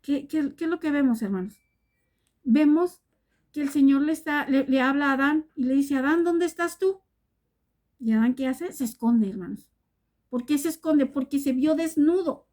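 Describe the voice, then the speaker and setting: A woman's voice: high-pitched, normal speed, dark tone. A woman preaching a sermon, asking question after question and often turning to the listeners as brothers and sisters.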